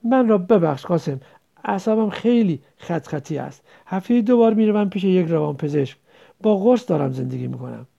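A man's voice: sits high, animated, gravelly, warm tone, lo-fi sound. A man voicing a nervous, remorseful man who trembles with tension and pleads with his friend. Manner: pleading, agitated.

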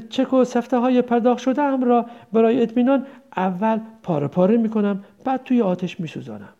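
A woman with a fairly high, creaky, dark-toned voice plays an old village mother, grieving, confused and doting, who rambles tenderly and mourns her son. The recording is dull and lo-fi.

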